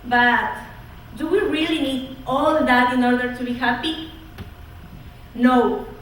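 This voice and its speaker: A woman's voice: high voice, a bit bright, recorded from a distance, slight background noise. Young Ecuadorian woman giving a speech in an echoey hall. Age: young adult. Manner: earnest, declamatory, measured. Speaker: student speaker. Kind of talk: oratory speech. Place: college auditorium. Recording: echoey hall, mic from afar.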